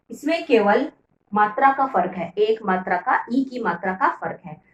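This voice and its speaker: A woman teacher explaining a lesson to children slowly, repeating each key word. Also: medium pitch. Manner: slow, repeats key words for pupils. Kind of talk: classroom lesson. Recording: echoey room, voice from far off.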